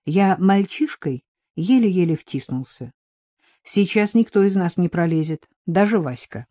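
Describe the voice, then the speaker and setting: A woman's voice: fairly low pitch, animated, measured pace, mellow, no echo, studio quality. A woman reading the part of a cautious, practical grown man who explains things earnestly.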